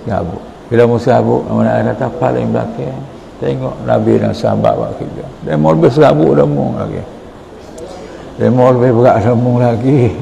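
A man's voice: mid-range voice, very animated, a little fast, vocal fry, warm tone, poor audio. A man preaching a morning sermon in a Patani Malay accent, telling stories and quoting prayers and dialogue. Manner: storytelling, quotes prayers and dialogue. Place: mosque hall.

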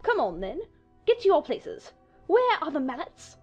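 A woman's voice: high voice, huge pitch swings, a little slow, dull audio, soft background music, exaggerated voice. A woman playing an imperious, hot-tempered queen who barks commands in a storybook audio drama. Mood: furious, bossy. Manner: shouting, commanding, abrupt.

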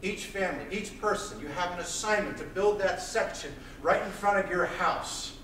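An intense man in his thirties preaches a sermon, pacing and raising his voice. His voice sits fairly high for a man. The sound comes from far off across a roomy church hall, with a faint hiss behind it. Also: normal speed. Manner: intense and loud, pacing the stage. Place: small church hall, indoors. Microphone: far camera, room mic.

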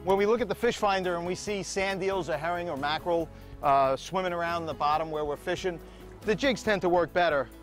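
A man's voice: high-pitched, a little fast, faint music behind. A man who captains a fishing boat, explaining conditions in a plain, matter-of-fact way. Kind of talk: casual explanation. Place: open fishing boat at sea.

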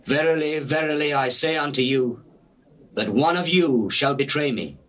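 A man playing Jesus as a solemn, authoritative teacher, speaking in measured, declamatory phrases in a dramatized King James Bible reading. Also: a little high, fairly bright tone, lightly acted. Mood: grave. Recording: noisy old cassette recording.

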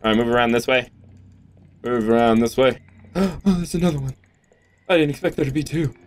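A man's voice: medium pitch, steady tone, brisk. A young man hosting a let's play, rambling goofily through gameplay commentary with jokes and sudden exclamations. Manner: goofy, rambling, jokey self-talk with sudden exclamations.

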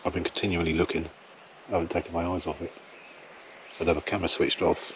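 A middle-aged man with an English accent talks through his setup in a chatty, matter-of-fact way. His voice sits low and stays flat. He is outdoors with the camera at arm's length, faint birdsong and insects behind him. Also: fast talker, noisy background. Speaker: wildlife photographer. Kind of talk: casual outdoor vlog narration. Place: outdoors in a field by trees.

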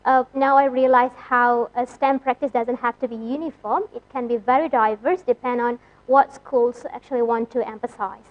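High-voiced woman moderating a session. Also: steady tone, normal speed, muffled recording. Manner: polite, with frequent uh fillers. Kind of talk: conference moderation.

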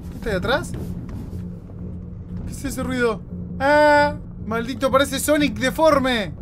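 A young-sounding Argentine man with a high voice, cracking jokes through his let's play commentary and breaking into panicked yelps and screams. Clear music plays behind him throughout. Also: a little slow. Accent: Argentine Spanish. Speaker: gaming YouTuber. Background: background music.

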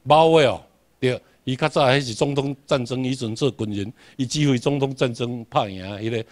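In a mid-range voice at normal speed, a man from Tainan delivers an emphatic classroom lecture with a Taiwanese accent. Key words get repeated for drilling, and he answers his own rhetorical questions.

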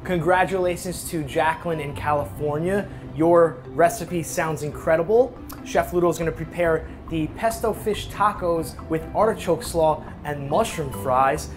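A man's voice: on the high side, moderate pace. Male host, 30s, peppy joking delivery, music bed. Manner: energetic, joking. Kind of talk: upbeat show hosting. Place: large restaurant kitchen, indoors. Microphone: lapel mic.

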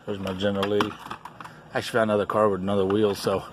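A low-voiced man talks rapid-fire in a level tone, laid-back and folksy, using short offhand phrases. He's a toy collector and store owner hosting a casual handheld show-and-tell vlog outdoors in a backyard and cluttered storage shed. Recorded on a handheld phone behind the camera, the sound is clearly noisy.

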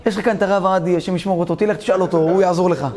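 Animated high-voiced rabbi preaching. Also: male voice, a crowd in the background. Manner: animated storyteller, voices characters, addresses audience directly. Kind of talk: sermon with storytelling.

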